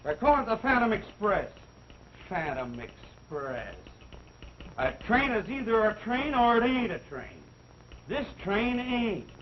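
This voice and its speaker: A man's voice: very high voice, big pitch swings, moderate pace. An actor playing a skeptical male railroad worker, dry and matter-of-fact. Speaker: railroad signal man. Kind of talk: 1930s film acting. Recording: dull, hissy early sound film.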